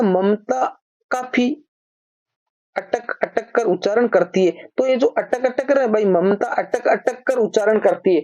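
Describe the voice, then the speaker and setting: A woman teaching a grammar lesson, asking each point as a question, answering it, and reading example sentences slowly. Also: medium pitch, warm tone, dull audio. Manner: reads example sentences slowly, addresses viewers as brother.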